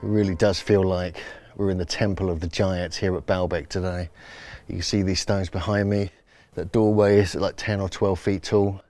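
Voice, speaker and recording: A man's voice: low voice, little pitch movement, normal speed, few pauses, a little mellow. Man filming a handheld ruins walking tour. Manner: enthusiastic, marveling at size. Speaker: travel vlogger guiding viewers around ruins. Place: outdoors among ancient temple ruins. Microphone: handheld camera without its stabilizer, filming himself.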